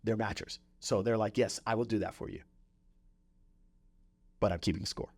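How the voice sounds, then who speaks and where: This podcast host has a lowish, darkish voice that's slightly rough, with fairly even intonation at a normal speed. His motivational delivery feels conversational: he repeats phrases to stress them and keeps checking in with the listener.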